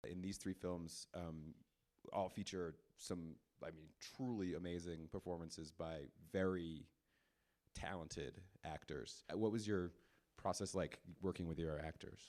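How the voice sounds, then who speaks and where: A man moderates a festival film panel, asking his question slowly and measuredly in a very deep voice. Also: fairly even intonation, a little mellow.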